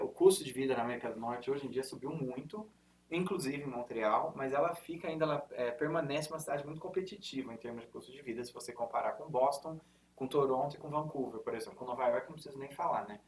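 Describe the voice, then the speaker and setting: A man in his thirties with a medium-pitched, slightly mellow voice talks quickly, his interior São Paulo accent carrying the caipira R of his home region in Brazil. Representing a university, he gives an informal, chatty presentation to students in a lecture room, full of fillers and self-corrections. The distant mic picks up faint room noise.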